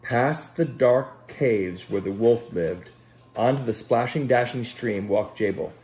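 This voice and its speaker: This is a man of medium pitch reading children a Bible story in a gentle, unhurried manner, occasionally pausing to talk straight to them the way a Sunday school teacher would.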